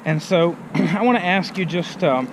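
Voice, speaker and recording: A pastor with a fairly high man's voice talks casually as he hikes up a hill, a bit breathless from the climb. He speaks into a phone held at arm's length outdoors. A faint hiss of outdoor noise runs under his voice. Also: a little slow. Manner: out of breath from walking uphill. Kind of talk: casual vlog message while walking.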